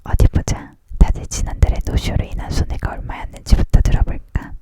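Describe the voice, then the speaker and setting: A reader voicing a gruff, boastful male Santa Claus in a whispered role-play of a storybook, grumbling and justifying himself. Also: fairly quick, natural voice. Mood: businesslike.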